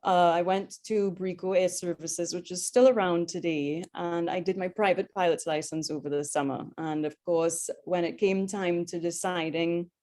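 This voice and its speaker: Speaking with a lowish, mellow voice at a moderate pace, this woman keeps a steady tone and barely pauses. She is a Trinidadian airline pilot in her 30s, chatting as a video-call guest about her life, with plenty of ums and false starts.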